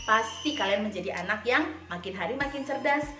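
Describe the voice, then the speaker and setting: A woman teacher giving a lesson to children, speaking clearly and deliberately with lively expression. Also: medium pitch. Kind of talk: recorded online lesson for children. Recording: echoey room.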